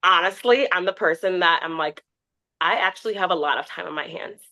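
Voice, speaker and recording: A brisk, fairly low-pitched voice belongs to a woman in her twenties, a TikTok creator guesting on a podcast. Her casual interview chat is candid, with animated storytelling and quoted asides she acts out.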